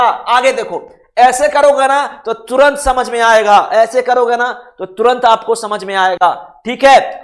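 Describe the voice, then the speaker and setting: High-voiced man teaching a casual online lesson. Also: a bit bright. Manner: casual, repeats "ठीक है?" and spells words letter by letter. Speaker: online exam-prep teacher.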